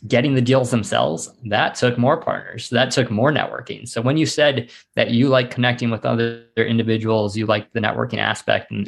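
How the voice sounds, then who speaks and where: A man speaking as a real estate investor guest in a casual interview, explaining in a measured, matter-of-fact way. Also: fairly low pitch, vocal fry.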